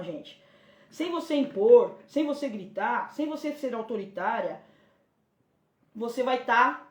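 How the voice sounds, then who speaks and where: A Brazilian woman hosting a parenting live stream, giving advice and acting out gentle talks with a child. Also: sits high, roomy sound. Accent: Brazilian Portuguese. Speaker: parenting channel host.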